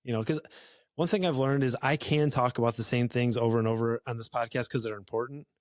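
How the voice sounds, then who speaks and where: A man's voice: medium pitch, fairly even intonation, fast, dry recording, clean studio sound. A man hosting a podcast, chatting casually in an easygoing way with lots of fillers and restarts. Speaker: podcast host. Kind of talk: casual conversation.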